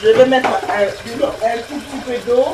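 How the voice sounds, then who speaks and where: Older woman hosting a home cooking lesson. Teasing and animated. Recorded from a distance in a roomy kitchen with faint noise. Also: fairly high pitch, unhurried. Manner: chatty, teasing, animated storytelling. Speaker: host, grandmother. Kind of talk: cooking show with marriage advice. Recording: echoey room, voice from far off, faint noise.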